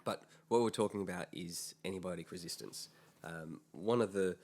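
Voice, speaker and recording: A man's voice: deep voice, normal speed, a little mellow. A man co-hosting a podcast, casually explaining health topics and sometimes dropping into mock voices. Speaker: podcast co-host.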